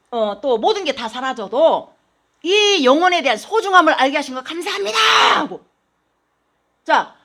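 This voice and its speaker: A woman pastor preaching a sermon in a church, telling stories with animated, acted-out quotes. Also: sits high. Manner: animated storytelling, acting out quoted voices. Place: church sanctuary.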